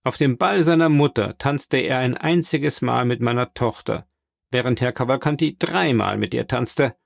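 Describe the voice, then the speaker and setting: A man's voice: mid-range voice, normal speed, gravelly, dry recording, lightly acted. A man doing a pompous, blustering banker. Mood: scornful. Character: blustering, self-important male banker.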